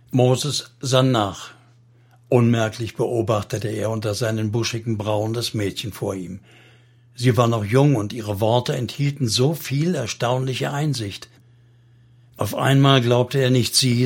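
A man narrating a solemn story in steady, scripted audiobook style. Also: medium pitch, breathy edge.

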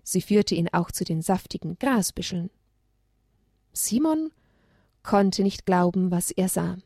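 A woman narrating a children's story aloud in an expressive read-aloud manner. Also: on the low side, unhurried, no echo, clean studio sound.

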